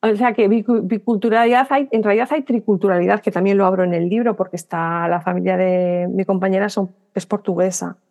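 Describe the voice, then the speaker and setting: Gravelly-voiced Spanish woman telling stories. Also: mid-range voice. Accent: Spain Spanish. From Spain. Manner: lively storyteller acting out remembered dialogue; talks in quick bursts with restarts and self-corrections. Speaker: guest writer. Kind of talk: podcast interview conversation.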